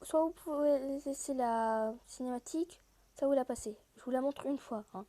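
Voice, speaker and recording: A woman's voice: sits high, moderate pace, dark tone. A woman giving a casual gameplay walkthrough, explaining each step directly to her viewers. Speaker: gaming video host.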